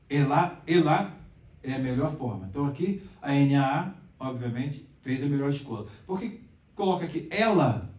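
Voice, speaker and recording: A man's voice: mid-range voice, dark tone. A man with a Brazilian accent teaching a conversational Bible class, explaining and asking the class questions. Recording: echoey room, mic far off.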